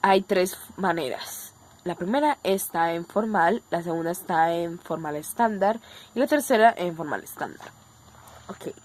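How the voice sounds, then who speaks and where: A woman with a Colombian Spanish accent gives a relaxed online language lesson in a slightly low voice. She explains each point step by step and keeps checking that her viewers are following along. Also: measured pace, slight background noise. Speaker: Korean language teacher.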